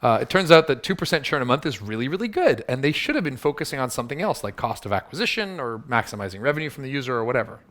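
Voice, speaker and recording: A man's voice: medium pitch, big pitch swings, racing, hardly any pauses, a bit bright. A man giving a live workshop talk to an audience, punchy and teasing, quizzing the room with show-of-hands questions. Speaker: workshop speaker.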